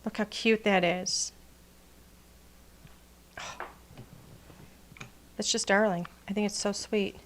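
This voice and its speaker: A woman's voice: mid-range voice, fairly even intonation, slow, pauses often, a little hiss or hum. A woman teaching card-making in a casual, chatty demonstration, gushing over her work and often dropping to a murmur as she works.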